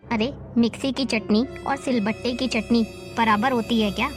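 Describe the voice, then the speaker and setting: Playing a scornful, nagging older mother-in-law in a family drama, a woman scolds and taunts in a natural voice. It sits a little high, with fairly even intonation and a moderate pace, while music plays in the background.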